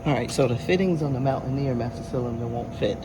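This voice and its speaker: A man's voice: mid-range voice, quick pace. A man giving casual, plain-spoken narration of his own car repair, explaining it step by step as he works. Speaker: DIY car repair vlogger. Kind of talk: casual hands-on narration to camera. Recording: noisy workshop with vehicle-like background noise.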